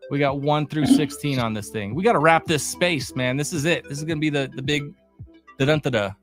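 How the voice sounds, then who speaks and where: A man's voice: fairly high pitch, fairly quick, a bit bright, soft background music. A man hosting a live stream, chatting casually and laughing at himself. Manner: laid-back, self-mocking, laughs often. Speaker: stream host.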